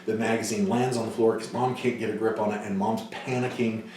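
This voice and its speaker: A man's voice: lowish voice, little pitch movement, brisk, slight background noise. Man lecturing in a very echoey hall. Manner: storytelling, acts out quoted voices loudly. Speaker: psychology lecturer. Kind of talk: lecture with case stories. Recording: distant mic in a very echoey hall.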